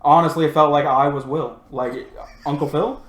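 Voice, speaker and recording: A man's voice: a little high, fairly even intonation, moderate pace, fairly bright tone. Easygoing man rambling in casual talk. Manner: easygoing, rambling, uses fillers like "like" and "um". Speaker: podcast co-host. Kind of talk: casual chat. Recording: roomy echo.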